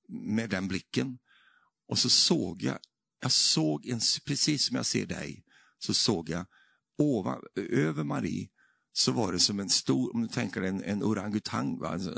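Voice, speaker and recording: A man's voice: on the low side, vocal fry, fairly bright tone, breathy edge, no echo, clean studio sound. A man preaching a sermon testimony, telling his story with frequent tag questions and building to fervent, emphatic preaching.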